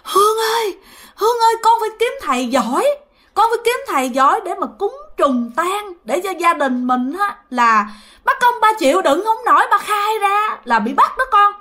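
A tormented old grandfather's ghost, put on by a woman storyteller, speaking through a medium in a raspy, hoarse voice pushed up high. He wails and pleads in repeated cries, his pitch swinging wildly. It is a ghost-story telling with strained, keening lines. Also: big pitch swings, normal speed, pushed and bright, heavily acted. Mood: pleading. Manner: pleading, wailing, repetitive.

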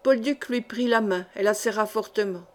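A woman reading a historical novel aloud as an audiobook, in a measured literary manner. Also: mid-range voice. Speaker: audiobook reader. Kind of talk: scripted narration of a historical novel.

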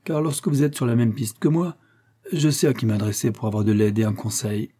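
Un homme lisant un major de l'armée, formel et reconnaissant. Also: male voice, mid-range voice, steady tone, fairly quick, mellow, breathy edge, close to an everyday voice. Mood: grateful. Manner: formal, courteous. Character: grateful army major, older man, commanding.

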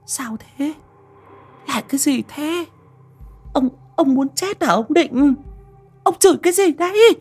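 A woman's voice: sits high, lively intonation, a little slow, pauses often, a little mellow, soft background music. A woman voicing a bossy, worried old village mother who scolds and wails in a horror audiobook. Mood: scolding. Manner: scolding, wailing.

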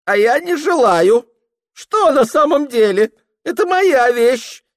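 A man reading aloud, voicing a drunken young male clerk who babbles and exclaims in a high voice. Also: big pitch swings, slow pace, no room sound, studio quality, exaggerated voice. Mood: shrill evasive.

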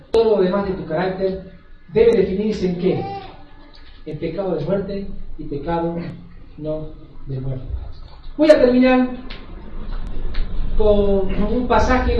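A hoarse male preacher giving an emphatic sermon, often putting questions to the congregation. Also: sits high, a little hiss or hum. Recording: echoey hall from far off, dull and lo-fi.

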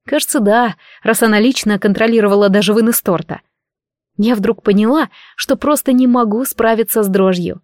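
A woman's voice: medium pitch, moderate pace, a little mellow, dry recording. A woman reading a first-person story in a wry, lightly ironic way, close to the mic. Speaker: audiobook narrator. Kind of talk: first-person scripted narration.

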